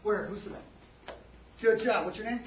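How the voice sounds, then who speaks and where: A man's voice: high voice, normal speed, a little hiss or hum. A man leading an interactive workshop. He keeps questioning the audience and tagging his points with "right?". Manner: quizzes the audience, tags lines with "right?"; energetic, varies loudness for emphasis. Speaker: seminar presenter. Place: seminar room. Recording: echoey, distant, dull room recording.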